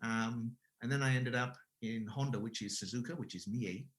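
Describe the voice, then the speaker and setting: With a mid-range voice at normal speed, this guest, an English school owner from Wales in his forties, recounts his career casually, frequently stopping to restart or fix what he just said.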